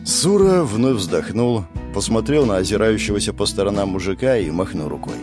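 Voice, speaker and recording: A man narrating a story in an expressive way, reading every part himself. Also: on the low side, moderate pace, music in the background. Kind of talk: audiobook narration over guitar music.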